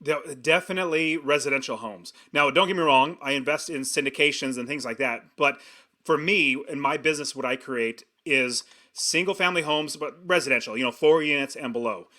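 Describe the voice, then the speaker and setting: A man guesting on a podcast, talking in an excited, energetic way about investing. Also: a little high, a little fast. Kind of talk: casual interview chat.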